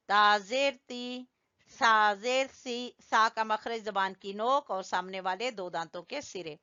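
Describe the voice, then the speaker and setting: A woman with a bright, crisp, fairly high voice teaches recitation at an unhurried pace. She spells out letters and vowel marks one by one, patiently repeating them and gently correcting her learners. The recording is slightly muffled and lo-fi. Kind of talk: slow drilling lesson with call-and-response.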